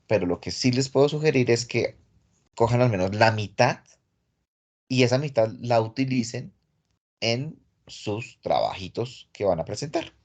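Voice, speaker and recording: A man walks his online class through English grammar rules. He talks in a patient, casual way, one step at a time. His voice sits in an ordinary middle pitch, heard through a computer mic. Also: lively intonation, a little slow, darkish tone. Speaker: English teacher. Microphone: computer mic on a video call.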